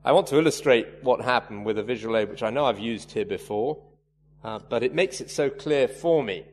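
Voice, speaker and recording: Preacher in a reverberant hall. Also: male voice, mid-range voice, brisk. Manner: earnest, emphatic, stresses key words. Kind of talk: sermon. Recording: reverberant hall, faint hum.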